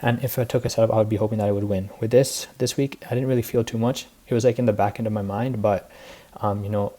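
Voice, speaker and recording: Recapping his week as a student trader, a teenage boy rambles fast and casually, filler-heavy, tired and out of breath. The voice is fairly low, warm, and fairly even in intonation.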